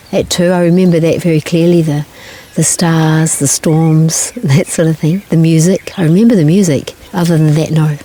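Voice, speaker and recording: An older woman who grew up in New Zealand, answering interview questions in a gentle, thoughtful way with pauses and restarts. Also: fairly low pitch, rough recording. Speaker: guest, singer-songwriter.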